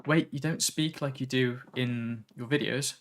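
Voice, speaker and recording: A man chatting casually on a live tech stream, relaxed and a little tired, reading viewer comments aloud and drifting between topics. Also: medium pitch, a little slow. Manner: relaxed, tired, easily sidetracked, reads chat aloud.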